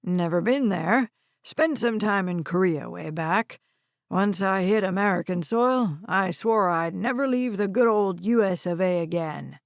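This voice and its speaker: A proud, gruff old man, as a woman narrator puts him on, drawling slow and folksy. The voice dips a little lower than her own. It is a dry, close audiobook recording. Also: no echo, lightly acted.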